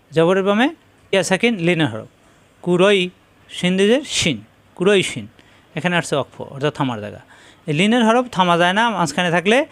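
Male recitation teacher, high clear voice, slow patient syllable drills, dry close mic. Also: no room sound. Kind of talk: spelling out Arabic letter by letter.

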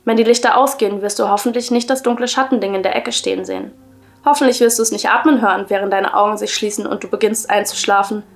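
A woman voicing an eerie little pale boy who calmly recites the rules of a sinister game in a storybook reading. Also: mid-range voice, quick pace, vocal fry, soft background music, natural voice. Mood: ominous. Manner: calm, ominous rule-reciting.

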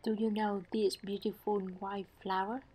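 A woman narrating a foraging vlog as a guide, speaking calmly in simple, non-native English. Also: mid-range voice, a little slow, noisy background. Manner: calm, simple instructive phrasing.

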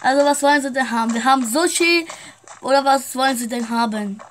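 A woman's voice: sits high, fairly quick, a bit bright, slight background noise. A woman playing a shopkeeper in a casual game roleplay, chatting straight to her viewers. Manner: chatty, keeps addressing viewers.

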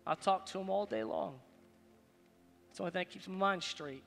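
A man in his forties preaching a sermon as pastor, animated, swinging between loud high bursts and quiet low asides. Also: brisk, vocal fry. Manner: animated, preaching with big swings in loudness and pitch. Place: large stage in a church hall. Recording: long hall reverb, faint music behind.

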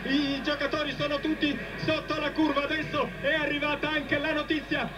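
A male pitch-side radio reporter giving excited, urgent live football coverage from a stadium touchline. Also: moderate pace. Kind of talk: live sideline reporting and commentary. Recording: noisy outdoor radio link from stadium.

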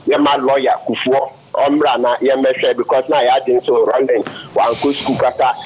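A man's voice: medium pitch, little pitch movement, moderate pace, darkish tone, slight background noise, rough recording. A man with a Ghanaian accent, a lawyer guest speaking emphatically on political matters. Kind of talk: political commentary on air.

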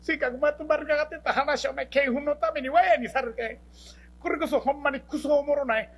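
A man's voice: very high-pitched, fairly quick, lo-fi sound, voice pushed up. A man doing a hot-headed young Kansai blusterer. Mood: excited. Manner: excitable, loud, blustering.

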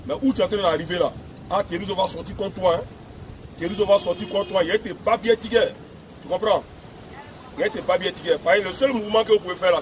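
Guy ranting and repeating himself on a beach, higher voice, faint background noise. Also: poor audio. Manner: emphatic, repetitive, lecturing. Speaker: music personality addressing fans. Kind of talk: outdoor video message. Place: outdoors at a beach.

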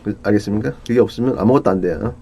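A man's voice: vocal fry, warm tone. A Korean man teaching exam English, drilling pronunciation by repeating words for students to copy. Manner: repeats words slowly for students to copy, jumps high on stressed syllables.

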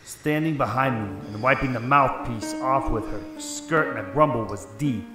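A man plays a hard-boiled detective, recounting his story tensely in terse, dramatic first-person noir narration. His mid-range voice is lightly acted at normal speed, in an echoey room with music underneath.

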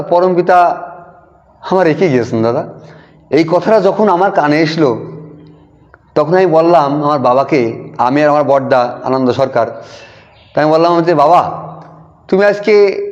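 Telling his devotional story with energy, a man with a slightly high voice recounts dialogue and emphatically repeats lines as he gives his testimony. The sound is dull, captured in a hall with a long reverb tail.

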